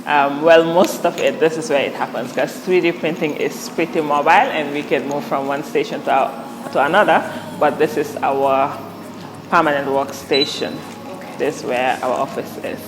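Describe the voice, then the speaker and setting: A young woman from Gambia, a company director, giving a relaxed, friendly tour of her office and explaining her work. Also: sits low, moderate pace, background noise. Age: young adult.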